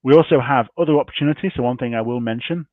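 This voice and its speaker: A man's voice: medium pitch, rapid-fire, no echo. A man presenting university admissions information in an online session, losing his voice and walking through slides point by point. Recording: tinny dry call audio.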